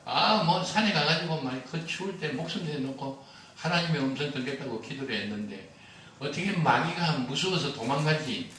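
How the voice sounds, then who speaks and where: A man's voice: fairly high pitch, moderate pace, fairly bright tone, slight background noise. An older man preaching a sermon as a pastor, telling stories with humor and acting out the dialogue. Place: church sanctuary. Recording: roomy echo, heard from a distance.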